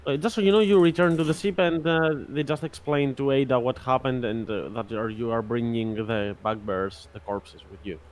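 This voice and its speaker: A man's voice: medium pitch, steady tone, moderate pace, few pauses. A man runs an online tabletop game as game master. He narrates in a plain, matter-of-fact way, and his voice sits in a middle register.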